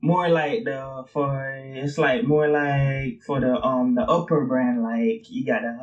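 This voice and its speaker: A man's voice: medium pitch, fairly even intonation, slow pace, highs cut off. A man in his twenties from Brooklyn, New York, answering interview questions in a loose, rambling way full of fillers and casual swearing. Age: 20s. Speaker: streetwear brand founder and guest.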